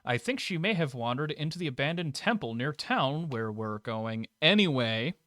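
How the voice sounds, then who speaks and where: A man's voice: medium pitch, animated, moderate pace, fairly bright tone, no room sound, studio quality, lightly acted. A man reading a worried game villager's plea aloud in a raised, pleading voice. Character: pleading villager parent begging for help.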